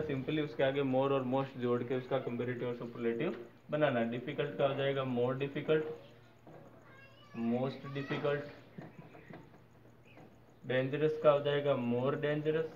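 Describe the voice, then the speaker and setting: A man's voice: medium pitch, level tone, slow, long pauses, a little mellow. A man teaching English grammar, spelling out word endings and often checking that his viewers follow. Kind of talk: explaining grammar lesson. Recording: slightly dull recording with faint noise.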